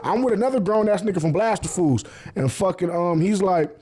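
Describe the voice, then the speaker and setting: A man with a husky, fairly high voice spins casual stories for his podcast. He talks in animated street slang, swears freely and laughs often as he goes. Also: a little fast. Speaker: podcast host. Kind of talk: casual storytelling.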